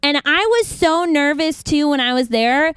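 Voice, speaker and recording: A woman telling a comic story on a podcast, animated and laughing, acting out the voices of the people in it. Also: high voice, moderate pace, no echo. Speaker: guest co-host.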